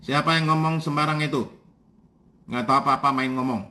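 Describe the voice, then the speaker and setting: A man's voice: fairly high pitch, steady tone, fairly quick, sharp tone. A male pastor preaching a sermon in a casual, storytelling way, with frequent "ya" asides.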